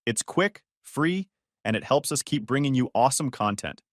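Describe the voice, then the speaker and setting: A man narrates first-person stories in a steady scripted read. His pitch rises and falls lively through each line. The recording is dry and close, with no room around it. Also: moderate pace, no echo.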